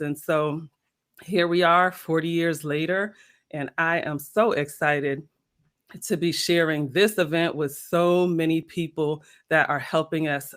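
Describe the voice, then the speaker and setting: A woman hosting an interview, speaking earnestly and effusively about a church gala and her guest. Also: low voice. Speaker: interview host. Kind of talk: hosted interview.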